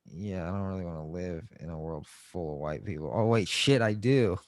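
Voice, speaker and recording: Low-voiced guy joking around on a podcast, swears a lot, dry close sound. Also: moderate pace, dry recording. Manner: joking, swears often, loud mock outbursts. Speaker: podcast co-host. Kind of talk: casual comedic chat.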